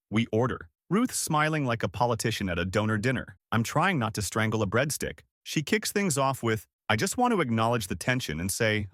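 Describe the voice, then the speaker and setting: A man's voice: fairly low pitch, fairly bright tone, dry recording. Middle-aged male narrator, sardonic and dry, close dry recording. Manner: sardonic, wry. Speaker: storyteller. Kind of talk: scripted story narration.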